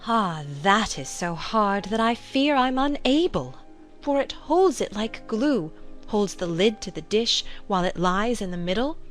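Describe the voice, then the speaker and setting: A woman's voice: medium pitch, expressive, unhurried, lightly acted. An actress playing a scatterbrained, good-natured storybook queen in a theatrical, singsong manner. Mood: riddling. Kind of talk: dramatized storybook recitation and dialogue. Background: music.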